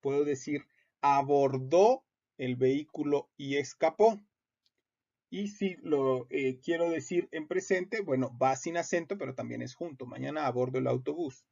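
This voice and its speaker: A teacher patiently lectures on spelling rules for court documents, repeating points and hesitating often. His fairly high voice has a gravelly edge and a warm tone at a moderate pace, all on muffled, lo-fi audio.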